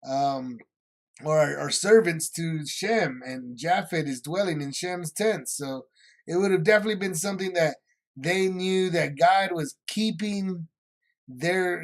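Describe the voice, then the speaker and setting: A man's voice: fairly high pitch, a little slow. A man leading a Bible study, retelling the story in a loose, rambling way with many asides. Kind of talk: casual Bible teaching.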